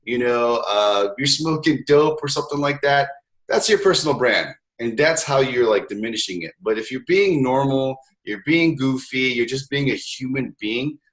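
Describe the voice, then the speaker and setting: A man's voice: medium pitch, animated, moderate pace, fairly bright tone. A man hosting a casual interview, encouraging his guest and speaking directly to listeners. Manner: friendly, encouraging, addresses listeners. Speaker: podcast host.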